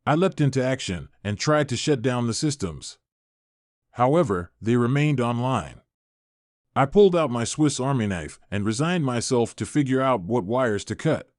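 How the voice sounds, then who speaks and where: Casting: male story narrator, mid-range voice, steady and plain, dry close mic. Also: mid-range voice, moderate pace, no room sound. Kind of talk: first-person sci-fi story narration.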